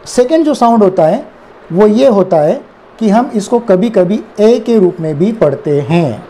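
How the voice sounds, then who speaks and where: A man's voice: sits high, vocal fry, warm tone, a little hiss or hum. A man with an Indian accent teaching English phonics, spelling words letter by letter and repeating them. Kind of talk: slow explanatory phonics lesson.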